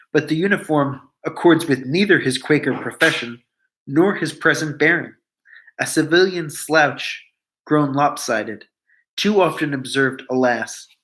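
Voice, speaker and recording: A man reads a novel aloud with a bright, ringing voice pitched a little high. He slips into the characters' voices when they speak. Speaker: reader.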